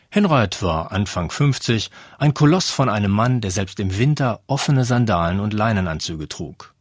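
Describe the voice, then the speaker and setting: Man reading audiobook, very low voice, husky, dry close sound, measured narration. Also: dry recording. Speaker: audiobook reader. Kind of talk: scripted narration.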